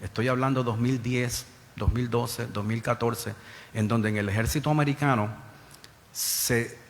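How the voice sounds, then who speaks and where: A man's voice: mid-range voice, steady tone, unhurried. A middle-aged man from the Bronx, a former federal agent, giving earnest public testimony to a panel with many repeated starts. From New York, Bronx. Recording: hall reverb with faint ambience.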